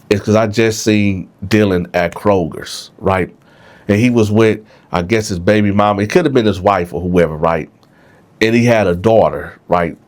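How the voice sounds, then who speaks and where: His lowish voice has a slightly mellow quality, though his nose is congested and stuffed-up. Hosting his vlog, the man tells viewers a story in a relaxed, conversational manner, constantly checking in with "right?"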